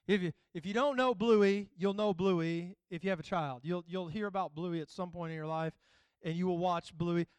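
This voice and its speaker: High-voiced, clear preaching man. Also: no room sound. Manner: humorous, storytelling, preacherly. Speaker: pastor. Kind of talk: sermon.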